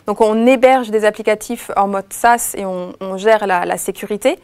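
A woman's voice: mid-range voice, moderate pace, darkish tone, clean tone. A woman on a webinar panel, explaining steadily with many fillers and restarts. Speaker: expert panelist.

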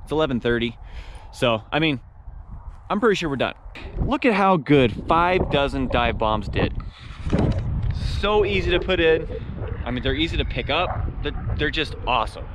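Excitable man vlogging a solo hunt. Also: on the high side, background noise. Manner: excitable, talkative, quick to gush. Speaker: hunting vlogger. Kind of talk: solo hunting vlog. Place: outdoors in a field. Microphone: action camera.

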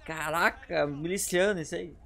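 A young man with a Brazilian accent giving excited, slangy reaction commentary on game clips, exclaiming and repeating short phrases. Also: on the high side, moderate pace, creaky. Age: young adult. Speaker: gaming reaction video host.

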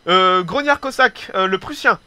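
A man casually commentating a strategy game replay, excitable, swearing freely and tagging his sentences with little filler words. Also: high-pitched, normal speed, smooth. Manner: excitable, swears casually, peppers speech with "hein"; hesitant restarts and repeated words.

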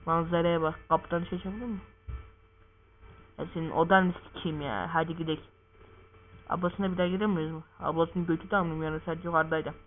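A man's voice: on the high side, steady tone, fast talker, slight background noise. A man giving casual gameplay commentary, full of crude swearing and joking banter. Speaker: gamer. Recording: tinny lo-fi recording.

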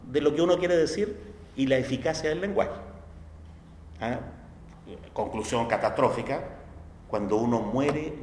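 Chilean man lecturing in an echoey hall. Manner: conversational, checks understanding with tag questions; acts out quoted voices with sharp pitch jumps. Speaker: philosophy lecturer. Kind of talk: university lecture. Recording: echoey hall, faint background noise.

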